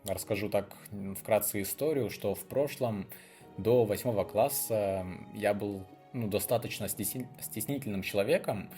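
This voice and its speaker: A young man with a low, mellow voice hosts his video blog channel, telling viewers personal stories. He speaks casually and unscripted, chatty and rambling as he thinks aloud.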